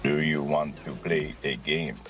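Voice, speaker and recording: A man's voice: a bass voice, little pitch movement, measured pace, fairly bright tone, faint music behind, voice pushed down. A man putting on a metallic, static-like robotic cyborg voice in a casual group voice chat, with a stiff, clipped delivery.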